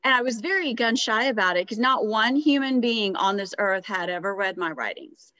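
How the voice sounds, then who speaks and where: A middle-aged woman, a guest author on a podcast, tells her story in a casual, reflective way and becomes animated when she retells dialogue. Her voice is medium-pitched and moves at a normal speed. The podcast audio is dry and slightly dull, with no room sound.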